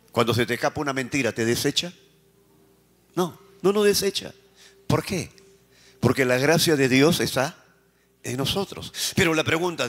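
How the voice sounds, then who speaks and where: In a slightly high voice and a Peruvian Spanish accent, a pastor preaches to his congregation. He asks questions and answers them on his own, swinging from raised, emphatic lines to hushed, slowed phrasing.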